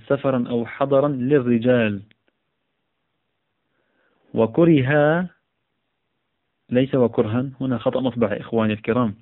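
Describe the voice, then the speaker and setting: Man teaching fiqh over tinny phone-like audio. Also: medium pitch. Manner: repeats phrases and corrects himself, many fillers. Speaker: teacher of Islamic law. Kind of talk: reading and explaining a fiqh text.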